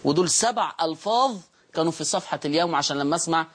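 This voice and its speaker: A man with an Egyptian Arabic accent teaching a televised Quran recitation lesson. He explains each rule step by step, repeats key phrases and chants verses slowly and melodically. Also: fairly high pitch, expressive, fairly bright tone, slightly rough.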